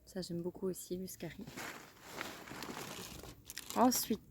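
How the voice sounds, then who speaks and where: A woman with a lowish, slightly mellow voice takes her time chatting about her garden and bulbs. She's a gardening vlogger with a Belgian French accent, recorded outdoors with a little hiss or hum, and her casual talk is full of fillers and restarts.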